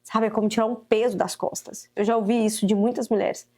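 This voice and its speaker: A woman's voice: mid-range voice, fairly even intonation, a little fast, a little mellow. A Brazilian woman psychotherapist giving earnest, coaching advice to mothers straight to camera. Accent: Brazilian Portuguese. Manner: earnest, coaching, acts out quoted parents and children. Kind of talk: direct-to-camera advice talk.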